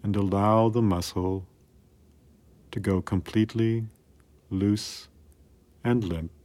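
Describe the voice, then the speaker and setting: A man calmly narrating a scripted guided relaxation in a soothing, measured way with long pauses. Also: fairly low pitch.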